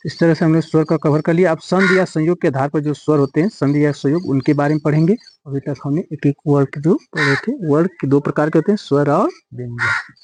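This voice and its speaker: A man's voice: a little high, brisk, background noise. A man teaching an exam-prep grammar lesson, often repeating each question and answer and drawing out words for emphasis.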